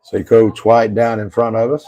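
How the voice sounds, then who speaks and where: A man with a hoarse voice calling a high school football game for local radio in a folksy, easygoing way. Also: level tone, normal speed, warm tone, poor audio. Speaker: play-by-play announcer.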